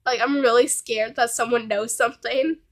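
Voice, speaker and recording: A woman's voice: a little high, fairly even intonation, normal speed, gravelly. A young woman vlogging while sick, telling a story in casual chat and rambling with constant fillers.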